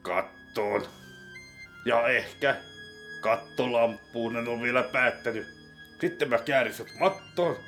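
A man voicing a scheming male boss with a gun, talking low, slow and deadpan. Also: soft background music, close to an everyday voice.

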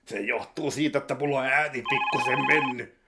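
A man voicing a scheming male boss with a gun, talking low, slow and deadpan. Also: heavy background noise, lightly acted.

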